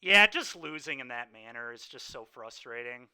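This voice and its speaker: A man's voice: mid-range voice, lively intonation, normal speed, sharp tone, clean tone. A young man streaming a card game, venting his frustration and sighing between remarks to chat.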